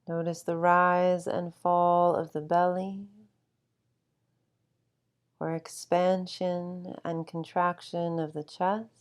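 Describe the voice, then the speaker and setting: A woman guiding a sleep meditation with calm, soothing instruction and long, unhurried pauses. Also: lowish voice, clear, resonant tone. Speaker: meditation guide.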